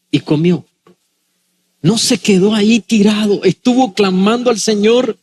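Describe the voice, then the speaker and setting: Husky, high-voiced man preaching a sermon. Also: a little mellow. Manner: preaching with dramatic pauses and acted quotes. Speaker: pastor.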